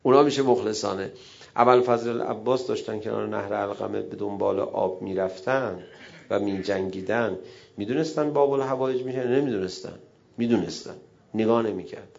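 A middle-aged man preaching a sermon, emotive, dropping to a hush and rising loud as he acts out quoted dialogue. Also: lowish voice, creaky, dull audio. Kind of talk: religious sermon.

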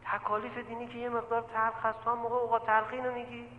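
A man's voice: very high voice, narrow, tinny audio, a little hiss or hum. A man preaching a sermon from a pulpit, telling stories and turning to his listeners again and again, repeating phrases for emphasis. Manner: animated, often addresses the listeners directly as "sir". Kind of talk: sermon with storytelling. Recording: echoey hall with long reverb.

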